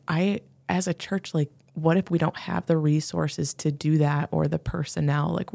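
A woman's voice: deep voice, gravelly, dark tone, dry recording. A woman co-hosting a podcast, asking thoughtful questions in casual conversation with plenty of filler words. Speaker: podcast co-host.

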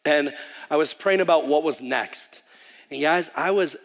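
The speaker is a man from Wisconsin, USA, in his thirties, guest-preaching as a missionary in a church sanctuary with live hall reverb. His voice is on the high side and measured, and his sermon introduction is chatty and self-deprecating, with frequent ums and restarts.

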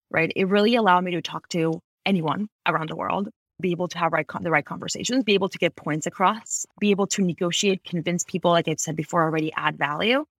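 A woman from Ecuador in her thirties, with a fairly low pitch and no echo, speaks as a podcast guest about her career. Her talk is fast and articulate, full of mid-sentence self-corrections, in a conversational interview from her Bay Area home office.

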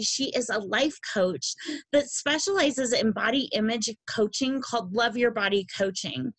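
A warm, welcoming woman hosts a podcast in a conversational way. Her voice sits on the high side and the sound is dry and close, with little room in it. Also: dry recording, rough recording. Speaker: podcast host and coach.

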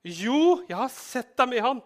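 A man voicing a nosy, insistent bystander who keeps accusing someone, in a high, excited, pushy tone.

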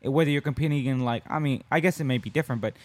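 This jiu-jitsu competitor and podcast co-host talks very fast in a mid-range voice with a darkish tone, and there's no room sound. His chat about his sport is casual and conversational, peppered with "right?" to keep listeners with him.

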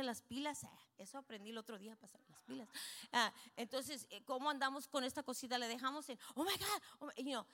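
A woman's voice: fairly high pitch, fairly bright tone. Emphatic bilingual woman preacher. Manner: switches between Spanish and English, frequent amens; emphatic, slows down for key points. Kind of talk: bilingual sermon.

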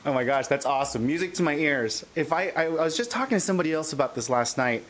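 A man's voice: a little high, lively intonation, fast talker, fairly bright tone. A man hosting a parenting podcast, chatting eagerly with his guest in a casual interview. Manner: enthusiastic, chatty with fillers. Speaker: podcast host.

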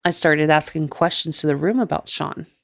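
Low-voiced woman telling a ghost story. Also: vocal fry, no room sound, clean studio sound. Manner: measured, deliberate storytelling. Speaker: podcast host. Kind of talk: first-person ghost story narration.

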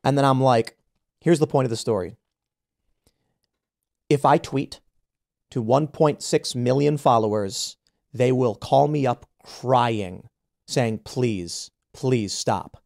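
An American man in his thirties hosts a casual podcast, telling an indignant story riddled with restarts and repeated words. His voice is mid-range, slow, gravelly and darkish, with frequent pauses.

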